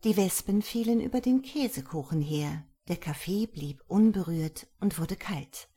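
A woman reading a story aloud in measured audiobook narration. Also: lowish voice, animated, warm tone, breathy edge.

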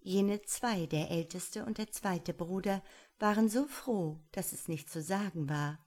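A woman reading a fairy tale aloud in a measured storytelling manner. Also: medium pitch, a little mellow.

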